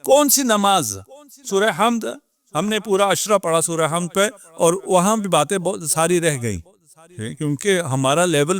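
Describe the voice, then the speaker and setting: A man's voice: high voice, fairly bright tone. A man, a cleric giving a sermon at a religious gathering and firing rhetorical questions at the audience. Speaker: Shia cleric.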